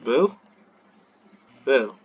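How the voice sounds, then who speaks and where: A man's voice: drawn-out words, muffled recording. A man giving casual let's-play commentary, joking, swearing and talking to the game. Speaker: gameplay commentator.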